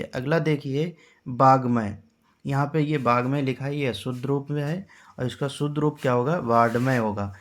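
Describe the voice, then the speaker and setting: A male teacher with a medium-pitched voice leads an exam-prep spelling lesson. He patiently drills each word and quizzes his class with rhetorical questions.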